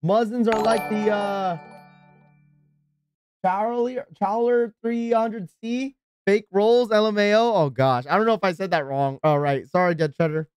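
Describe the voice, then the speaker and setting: Smooth-voiced man ranting on a live stream. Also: sits high, measured pace, dry recording, soft background music. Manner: ranting, exasperated, shouts out subscribers. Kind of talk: live stream reacting and chatting with viewers.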